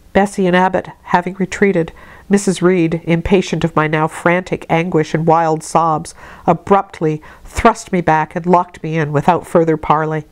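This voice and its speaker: A woman narrating a classic novel in a measured, expressive reading. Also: fairly low pitch. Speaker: audiobook reader. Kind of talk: scripted narration.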